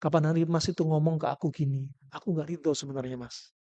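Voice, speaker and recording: A man voicing a gentle wife who quietly pleads with her husband, coaxing and soft, in a dull lo-fi lecture recording. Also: fairly high pitch, steady tone, fast, no room sound, lightly acted. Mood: gentle pleading.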